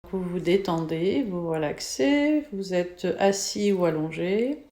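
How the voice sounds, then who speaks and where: A woman leading a guided relaxation meditation in a soothing, gentle, unhurried manner. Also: fairly low pitch, animated. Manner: soothing, slow, gentle spa-like delivery. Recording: echoey, reverberant room.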